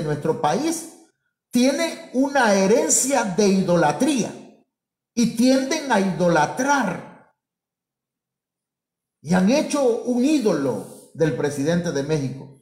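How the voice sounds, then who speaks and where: A man's voice: high voice, a little mellow, echoey room. A man, a pastor, preaching a sermon full of rhetorical questions and acted-out quotes.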